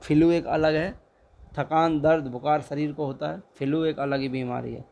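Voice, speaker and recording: A man's voice: on the high side, steady tone, moderate pace, gravelly, a little mellow. A young man tutoring exam questions in a casual, chatty way, repeating each answer and urging viewers to like and subscribe. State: dry throat.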